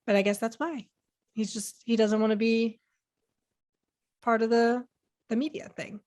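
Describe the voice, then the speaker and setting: A woman's voice: a little high, a little slow, a little mellow. A young woman co-hosting a film podcast in casual chat, rambling with many fillers and restarts. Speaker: podcast co-host.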